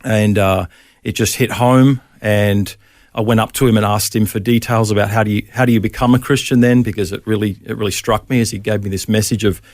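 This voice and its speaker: A man's voice: lowish voice, steady tone, a little fast, a little mellow, no echo, clean studio sound. A middle-aged Australian man, a pastor, telling his faith story in a casual interview, with many ums and restarts.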